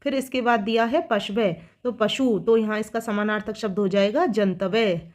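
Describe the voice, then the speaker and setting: A woman's voice: mid-range voice, steady tone. Patient woman teacher explaining to children. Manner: reads each line slowly, then explains it. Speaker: school teacher. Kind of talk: solving textbook exercises for children.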